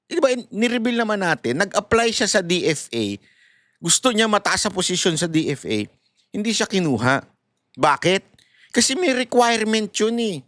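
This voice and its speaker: A middle-aged man with a Filipino accent giving animated, casual political commentary and laughing as he talks to his viewers. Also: sits high, no echo.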